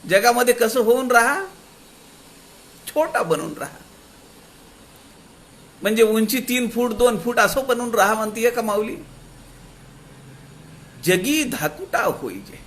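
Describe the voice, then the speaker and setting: A man with a Marathi accent giving a devotional discourse, drawing out quoted verses slowly. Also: extremely high pitch, a bit bright. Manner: slows to draw out quoted verses. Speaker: spiritual discourse speaker. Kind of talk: devotional discourse explaining scripture.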